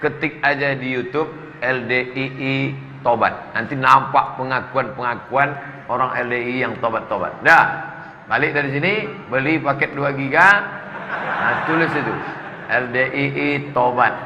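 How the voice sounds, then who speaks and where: Bright, jokey preacher in an echoey hall. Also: male voice, mid-range voice, normal speed, a little hiss or hum. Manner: jokey, animated, reads questions aloud then answers. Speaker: preacher answering audience questions. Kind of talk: humorous sermon Q&A. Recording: echoey hall, slightly dull sound.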